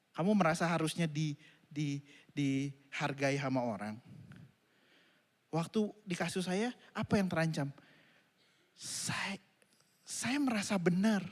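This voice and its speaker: A man preaching a sermon, telling a family story in an animated way and addressing the congregation directly. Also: high-pitched. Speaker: pastor. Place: church auditorium. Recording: reverberant hall.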